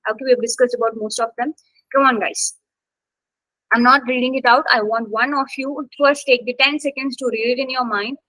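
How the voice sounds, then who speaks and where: A woman's voice: on the high side, fairly even intonation, brisk, sharp tone, dry recording, low-quality recording. A woman instructor teaching a live online English class. She keeps checking in with "okay?" and coaxes her students to speak up.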